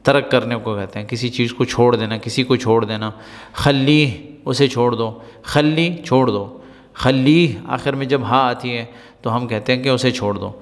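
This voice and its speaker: A man's voice: medium pitch, fairly even intonation. Male language teacher, patient and repetitive, with a long room reverb. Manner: patient, repetitive explaining with frequent "right?" checks. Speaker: Arabic teacher. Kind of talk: spoken Arabic lesson explained in Urdu.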